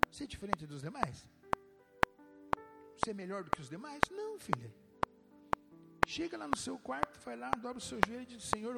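A middle-aged man preaching a sermon in a church, swooping from low to high as he presses his points. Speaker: pastor. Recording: loud music behind the voice.

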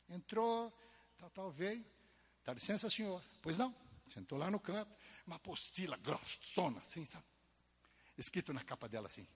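A man preaching a testimony sermon, telling a story in an animated way, swinging from soft asides to loud emphasis, with a husky voice. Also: high voice. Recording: long hall reverb.

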